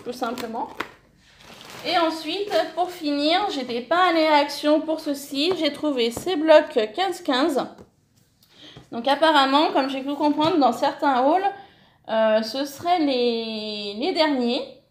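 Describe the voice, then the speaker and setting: Bright, high-pitched woman vlogger, chatty and gushing, self-correcting, relaxed at-home haul. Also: slow pace, echoey room, a little hiss or hum. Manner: enthusiastic, many fillers, self-correcting. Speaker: scrapbooking vlogger. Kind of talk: casual haul vlog, showing paper.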